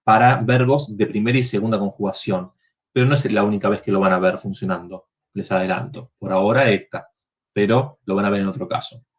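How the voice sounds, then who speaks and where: A man's voice: on the low side, fairly even intonation, a little fast. A man teaching a university Latin workshop, explaining verb forms step by step and checking in with the students.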